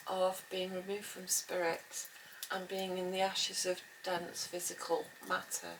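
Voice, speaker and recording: A woman giving a slow, reflective spoken lesson on folklore and witchcraft, pausing often with "um". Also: fairly low pitch, completely flat delivery, a bit bright, slight background noise. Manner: slow and reflective, with frequent "um" pauses. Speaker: witchcraft teacher. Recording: voice from a distance with music behind.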